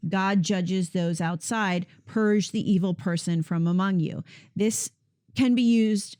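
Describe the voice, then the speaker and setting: Hosting a Bible discussion, a woman explains things in a conversational way, stopping now and then to put her points differently. She speaks at an average pitch, and her tone is warm and smooth.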